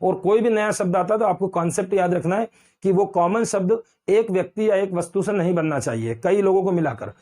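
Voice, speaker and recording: Teacher, male, high-pitched voice, drills terms by repeating them, quizzes and answers himself. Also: brisk, warm tone. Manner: repeats key words, asks and answers own questions. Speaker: Hindi grammar teacher. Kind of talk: classroom lecture.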